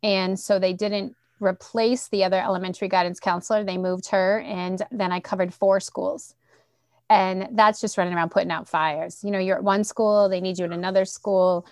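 A woman's voice: mid-range voice, steady tone, normal speed, a little mellow, no room sound. Middle-aged woman guest from Massachusetts, friendly storyteller, dry close recording. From Central Massachusetts. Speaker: guest, education coordinator. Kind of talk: casual podcast interview.

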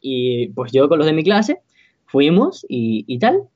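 A young man tells a story as a podcast co-host, relaxed and chatty. His voice sits a bit high for a man. The recording is dry and somewhat dull, lo-fi. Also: takes it slowly, no echo. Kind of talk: casual chat.

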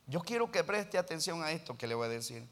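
A male preacher delivers an impassioned sermon, pressing his points home. His voice sits high and carries a bright, forceful edge. He calls out to his listeners as brother and climbs into loud, urgent passages. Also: big pitch swings, quick pace. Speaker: pastor.

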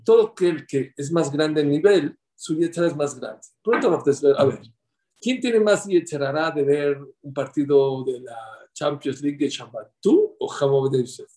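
Man, religious class teacher, animated storytelling, questions to the audience, slightly high voice. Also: moderate pace. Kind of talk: religious class talk with stories.

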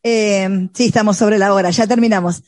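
A woman's voice: medium pitch, steady tone, moderate pace, a little mellow, no room sound, studio quality. A woman co-leading a sermon on marriage, speaking earnestly with some hesitations. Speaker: co-preacher.

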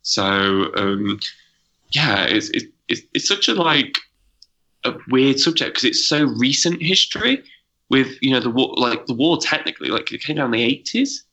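A man's voice: medium pitch, animated, normal speed, bright, forceful tone, highs cut off. A man in his thirties chatting casually on a podcast, rambling and hesitant with lots of fillers. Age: 30s. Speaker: podcast panelist. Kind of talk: casual chat.

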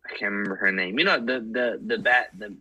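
A young-sounding man talks in loose, animated bursts, piling on fillers and squeamish exclamations. His voice is very bright and edgy, with a husky, breathy grain. It feels like relaxed podcast chat. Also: fairly low pitch, fast, rough recording. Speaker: podcast guest. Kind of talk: casual chat.

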